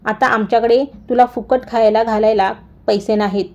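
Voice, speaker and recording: A woman's voice: fairly even intonation, moderate pace, darkish tone, dull audio, lightly acted. A woman doing a harsh scolding mother-in-law. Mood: scornful. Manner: taunting, shrill insults.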